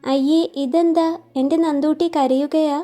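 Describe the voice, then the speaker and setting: A woman narrator voicing an affectionate young man, speaking soft and teasing. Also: high-pitched, fairly even intonation, a little slow, faint music behind. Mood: tender.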